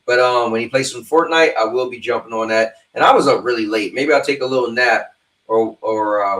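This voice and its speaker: Speaking straight to his livestream audience, a man in his fifties rambles through a casual chat. His voice is lowish and a bit bright, captured from a distance with a roomy sound.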